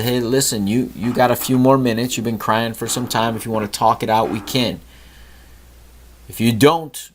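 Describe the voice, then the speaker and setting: A middle-aged man hosting a podcast, telling an earnest story about a talk with his son and lecturing on gratitude. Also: medium pitch. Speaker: podcast host. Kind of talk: storytelling monologue.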